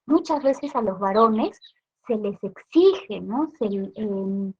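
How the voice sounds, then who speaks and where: A woman's voice: mid-range voice, lively intonation, slow, breathy edge. A woman with a Peruvian Spanish accent gives a police training talk, often checking in with tag questions. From Peru. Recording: dull lo-fi recording.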